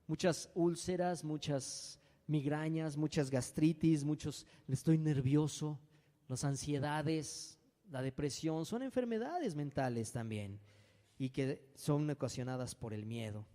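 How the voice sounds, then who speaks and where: A man's voice: on the high side, slow pace, mellow. A man preaching a sermon as pastor, dramatic and acting out frightened voices. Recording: long hall reverb.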